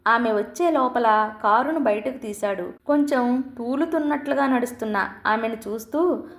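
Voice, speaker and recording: Lady reading a story calm and steady, bit high, echoey room. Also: moderate pace. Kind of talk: scripted narration. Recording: roomy echo.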